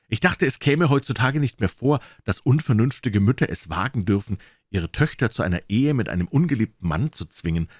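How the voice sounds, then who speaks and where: A man voicing a calm, level-headed gentleman in a read-aloud crime story, speaking in a measured, earnest way. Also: medium pitch, dry recording, clean studio sound, pitched above the performer's own voice, natural voice.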